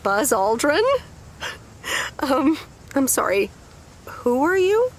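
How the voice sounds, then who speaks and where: A friendly woman in her forties returning to her hometown in a video game. She talks lightly and teasingly, her slightly high voice moving through a lively, wide pitch range. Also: slight background noise, heavily acted. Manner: light, teasing, quick to laugh.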